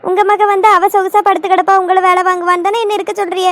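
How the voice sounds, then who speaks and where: Lady doing a whiny young daughter-in-law, cartoon, super high voice, grumbling. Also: level tone, fast, over music. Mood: complaining. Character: young village daughter-in-law, homesick and complaining. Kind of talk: cartoon voice acting.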